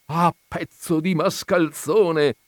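A man's voice: medium pitch, sing-song, slow, a little mellow, no room sound, studio quality, voice pushed up. A man reading aloud, voicing a grieving widow who grows indignant and exasperated.

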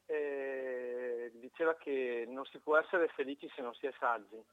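A man calling in to a live radio show over the phone, giving a halting, reflective opinion with frequent restarts. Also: medium pitch, dry recording. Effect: heard over a phone line. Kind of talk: call-in opinion on a live broadcast. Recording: tinny dry phone line.

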